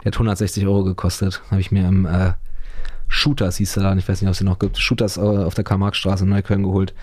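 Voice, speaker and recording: Guy in his 30s, casual slangy chat, kinda flat monotone, dry close sound. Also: sits low, quick pace, no room sound. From Berlin, Germany. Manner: relaxed slangy rambling, many fillers.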